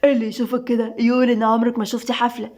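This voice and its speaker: A woman's voice: on the high side, flat delivery, racing, a little mellow, close to an everyday voice. A woman with an Egyptian Arabic accent, voicing a teasing, jealous young man in a story.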